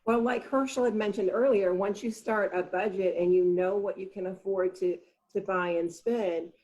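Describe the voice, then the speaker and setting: A woman's voice: mid-range voice, warm tone. A woman speaking as a panel guest, explaining things in a conversational way. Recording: dull, muffled lo-fi audio.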